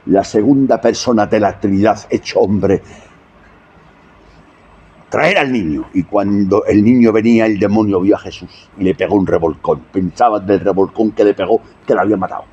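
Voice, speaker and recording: A man's voice: lowish voice, moderate pace, warm tone, breathy edge, muffled recording. A man preaching a sermon, often asking the congregation rhetorical questions.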